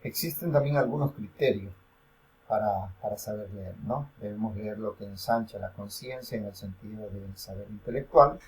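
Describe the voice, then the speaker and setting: A man's voice: lowish voice, moderate pace, poor audio. A male university lecturer explaining reading and intonation, with frequent fillers and self-corrections. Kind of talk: recorded academic lecture.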